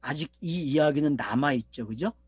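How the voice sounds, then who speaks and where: A man's voice: moderate pace, slightly rough, no room sound, clean studio sound. A middle-aged man, a pastor, preaching a sermon and often asking the congregation questions. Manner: preaching, asking the congregation questions, with big swings in pitch and loudness.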